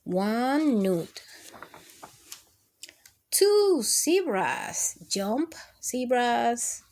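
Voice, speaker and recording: A children's storytime host reads picture books aloud to young kids, drawing out her words and speaking straight to the little listeners. Her voice sits on the high side and is a little mellow, very animated and extremely slow.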